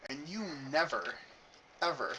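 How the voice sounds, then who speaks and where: A man's voice: a little high, sing-song, measured pace, bright, forceful tone. Earnest young man with a lisp. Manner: rambling, earnest, with self-mocking asides. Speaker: vlogger. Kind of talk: casual confessional monologue. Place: room at a gaming computer. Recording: dull, distant mic with faint hiss.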